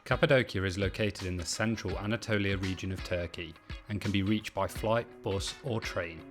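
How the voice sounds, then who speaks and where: Low-voiced British man narrating travel. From Britain. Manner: measured, informative. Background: music.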